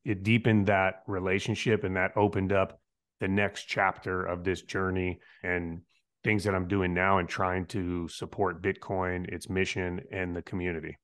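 A middle-aged man with a fairly low voice tells stories as a guest on a podcast. He talks casually with easygoing slang and slips into the voices of the people he quotes, giving his account a lively, animated feel. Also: normal speed. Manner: animated, acts out quoted dialogue, laid-back slang. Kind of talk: casual interview storytelling.

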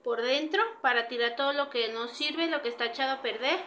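A vlogger, sweaty after cleaning, chats away to her viewers from her home kitchen in a casual cleaning video. She has a high voice and talks fairly quickly, with background noise in the recording.

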